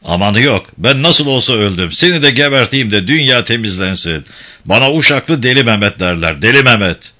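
A man's voice: mid-range voice, expressive, brisk, pushed and bright. A man voicing a hot-tempered male prison director who blusters and threatens. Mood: raging.

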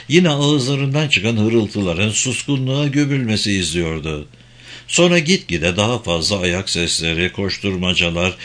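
A man narrating a thriller audiobook in a steady, measured reading. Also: lowish voice.

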